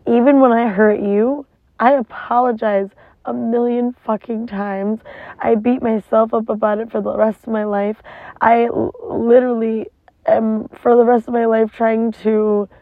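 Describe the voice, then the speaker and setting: A woman's voice: fairly high pitch, flat delivery, a little slow, dry recording. A woman talking in a casual, rambling, emotional confessional monologue with frequent swearing, recorded inside a parked car. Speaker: vlogger. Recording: tinny phone-like sound.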